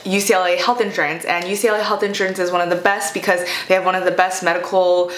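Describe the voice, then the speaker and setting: A woman's voice: lowish voice, level tone, fast talker. A young adult American woman telling a personal story in a casual, candid, conversational way. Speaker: vlogger. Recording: echoey room.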